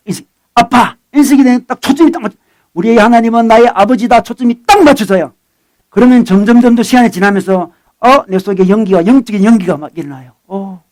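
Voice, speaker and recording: A middle-aged man preaching a sermon as a pastor, conversational and animated, swinging between loud bursts and soft asides. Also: sits high. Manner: acts out dialogue with his son.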